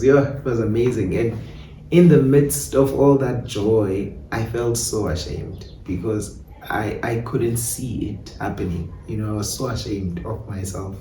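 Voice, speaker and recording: This is a reflective interview with a South African man who writes and directs plays, his mellow voice sitting on the low side as he switches between Xhosa and English. A distant mic captures him in a roomy space with faint noise behind.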